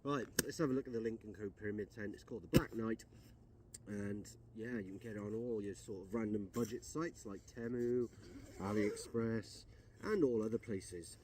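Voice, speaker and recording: A man's voice: fairly low pitch, moderate pace, background noise. A man casually vlogging to camera outdoors in the woods, chatty and self-mocking as he sets up a tent. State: out of breath. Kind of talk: casual camping vlog.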